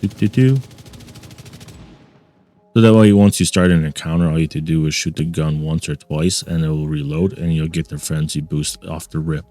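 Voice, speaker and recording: A man's voice: rumbling low, steady tone, brisk, hardly any pauses, mellow. A man hosting a gaming channel, giving playful gameplay commentary and repeating his catchphrases, recorded at a desk mic in a home gaming setup.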